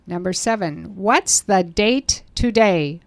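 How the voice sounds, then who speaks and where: Female lesson reader, slow, careful prompts, very dry studio sound. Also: medium pitch, no echo. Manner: slow, clearly enunciated prompts. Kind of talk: scripted language lesson dialogue.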